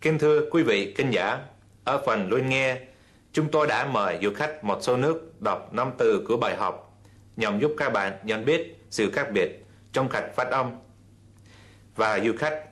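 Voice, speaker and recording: A man's voice: medium pitch, a little slow, a bit bright. A man introducing a listening segment with polite, formal scripted narration. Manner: polite formal address to the audience. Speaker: segment presenter.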